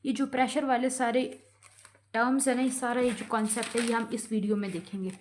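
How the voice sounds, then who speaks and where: A woman's voice: fairly high pitch, level tone. A young woman giving a medical lecture, mixing in English terms and checking in often with listeners. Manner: explanatory, frequent "theek hai" check-ins, slows for English terms. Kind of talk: explaining lecture, Hindi-English code-switching.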